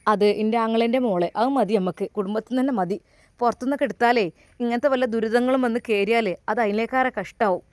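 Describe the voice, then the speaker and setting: A bossy older mother, insistent and scolding, her voice raised high and sharp, as a woman storyteller puts her on. Malabar Malayalam speech, recorded dry and close. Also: fast talker, dry recording, natural voice.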